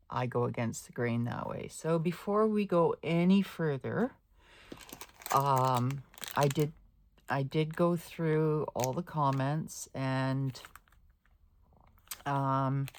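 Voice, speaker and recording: An older woman chatting casually to her viewers in a vlog. She is short of breath and talks in a halting way, with many ums and restarts. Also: rumbling low, gravelly, a little mellow. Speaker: planner vlogger.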